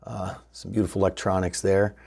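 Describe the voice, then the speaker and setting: Speaking low and brisk, with a flat delivery, this radio restoration host has a creaky, darkish voice with a breathy edge. His DIY narration is casual and explanatory, and he muses aloud through rhetorical questions.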